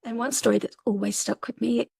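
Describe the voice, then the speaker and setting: A woman's voice: on the high side, steady tone, brisk, gravelly, mellow, breathy edge, no room sound, clean studio sound. A woman astrologer, a guest in a casual conversation, telling a story earnestly and urging listeners to chase their dreams.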